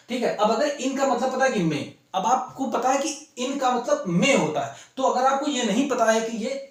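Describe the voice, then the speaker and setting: A man teaching English to civil service aspirants in a classroom-style video lesson, mixing Hindi and English and constantly checking in with his students. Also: sits high. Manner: repeats "ठीक है ना" as a constant check-in; mixes Hindi with English phrases. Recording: very echoey room.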